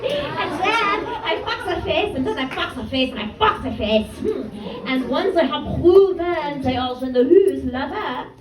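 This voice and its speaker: A woman voicing a sultry, unabashed French woman in her forties, with a put-on French accent, drawling slowly and seductively in an echoey club. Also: high voice, sing-song, far from the mic. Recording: echoey club, crowd laughter.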